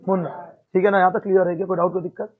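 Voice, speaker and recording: Man, high voice, accounts teacher, classroom lecture, keeps asking the class questions, dull lo-fi recording. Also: little pitch movement, racing. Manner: repeats "ठीक है?" and quizzes the class. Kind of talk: classroom lecture mixing Hindi and English.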